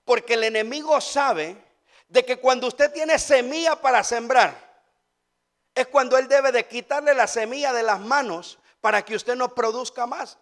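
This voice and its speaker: High-voiced man preaching a sermon. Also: normal speed, fairly bright tone. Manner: preaching with rhetorical questions and repetition. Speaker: pastor.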